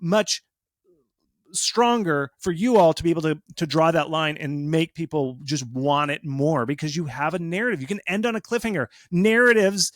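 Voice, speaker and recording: This man speaks a little high at a moderate pace, recorded in a clean studio with no room sound. A guest expert on game marketing, he gives casual, emphatic, informal advice in an animated way, often acting out imagined reactions and quotes.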